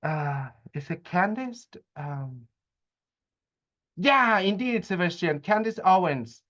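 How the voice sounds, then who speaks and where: A man in an academic discussion on counseling practice. He lectures earnestly and pauses often with hesitations. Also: high voice, expressive, fairly bright tone. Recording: dull lo-fi audio.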